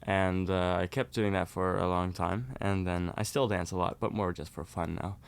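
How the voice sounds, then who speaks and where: A young man from Norway talks in a relaxed, chatty way as a guest on an interview podcast. His voice sits fairly low and sounds smooth and resonant. He laughs easily between answers. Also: moderate pace. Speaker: guest musician. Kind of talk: casual interview.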